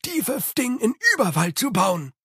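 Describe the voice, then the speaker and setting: A man voicing an excitable male servant in an audiobook, with a high, strained, emphatic voice and a dry close sound. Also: a little slow, breathy edge, no echo, full character voice. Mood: eager.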